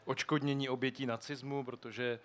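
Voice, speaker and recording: A foundation director on a festival panel, a man explaining in a measured way with frequent fillers on a shared handheld microphone. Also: mid-range voice, flat delivery, fairly bright tone, slight background noise. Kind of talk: panel discussion answer. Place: outdoor street festival stage.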